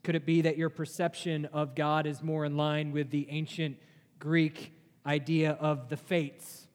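A man's voice: fairly high pitch, level tone, unhurried. A male pastor preaching a sermon, earnest, with rhetorical questions and emphatic rises in his delivery. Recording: long hall reverb.

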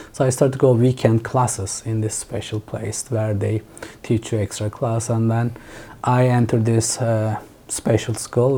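Turkish-accented man, mellow voice. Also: mid-range voice. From Turkey. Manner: thoughtful, many restarts and fillers. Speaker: podcast guest, author. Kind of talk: casual interview chat.

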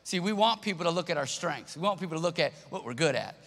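A male pastor delivers an earnest sermon, repeating his key points and slipping into the voices of people he quotes. His voice sits high and sounds bright and forceful. The room rings with a long hall reverb. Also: lively intonation, fast talker. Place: church auditorium.

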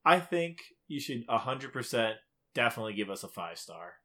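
A man's voice: medium pitch, sing-song, a little fast, pushed and bright. A man with a Great Lakes accent from Michigan, chatting casually as a podcast co-host.

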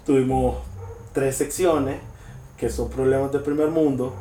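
A young man, co-hosting a casual podcast in a crude, sarcastic, animated way. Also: medium pitch, a little slow, echoey room, distant mic, slight background noise. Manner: crude, sarcastic and animated, slips into mocking voices. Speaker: podcast co-host.

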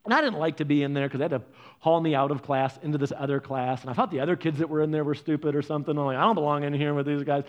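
A man preaching a sermon, animated and conversational, acting out quoted voices. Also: racing, lo-fi sound. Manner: animated, acts out quoted voices with big pitch jumps. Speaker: pastor.

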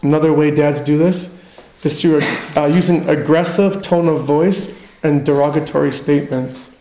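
A man's voice: a little high, normal speed, dark tone. A man preaching a sermon in an earnest, conversational way, into a handheld microphone. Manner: earnest, conversational teaching with personal stories. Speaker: pastor. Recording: echoey hall.

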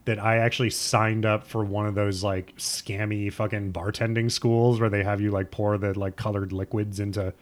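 Lower-pitched man in loose, halting chat. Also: level tone. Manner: halting, loose, sweary delivery. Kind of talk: casual chat.

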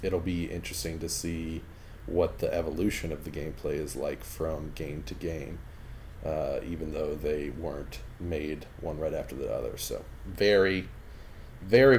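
A man with a very low, deep voice talks casually and frankly on a podcast. He sounds enthusiastic and swears now and then, with a faint hiss of noise behind him. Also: a little fast, darkish tone. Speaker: podcast co-host. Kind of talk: casual gaming chat.

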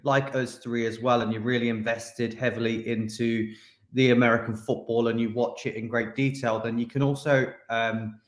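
A man's voice: medium pitch, level tone, normal speed. A man, co-hosting a casual podcast, talking enthusiastically in long flowing sentences. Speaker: podcast co-host. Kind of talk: casual chat. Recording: roomy echo.

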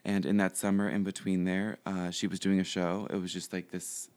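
A man's voice: sits low, level tone, moderate pace, darkish tone. A young man, a podcast guest, chatting casually and rambling with lots of fillers and restarts. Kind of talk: casual interview chat.

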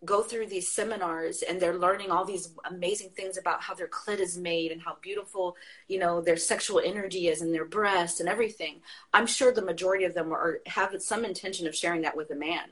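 A woman with a somewhat low voice talks with passion in casual conversation. She tells stories with energy and laughs as she goes. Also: fairly quick. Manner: passionate, animated storytelling with laughs. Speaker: guest.

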